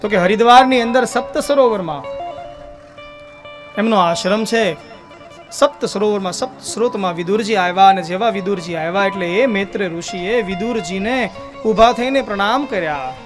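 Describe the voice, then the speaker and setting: A man's voice: sits high, moderate pace, music in the background. A man with a Gujarati accent narrating a devotional story sermon, chanting verses and voicing the characters' dialogue. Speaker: religious storyteller.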